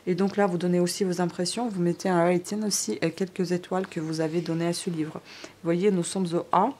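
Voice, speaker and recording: A woman's voice: fairly low pitch, steady tone, brisk, darkish tone, slight background noise. A woman vlogging a haul, hesitant, with many fillers and restarts as she talks viewers through each item. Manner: chatty, addresses viewers directly. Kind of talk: casual show-and-tell vlog. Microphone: DSLR camera on tripod.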